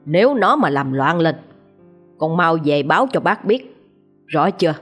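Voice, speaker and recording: A woman playing an older father figure, stern but caring, paternal, low. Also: big pitch swings, unhurried, soft background music, full character voice. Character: stern older man, workshop owner and father.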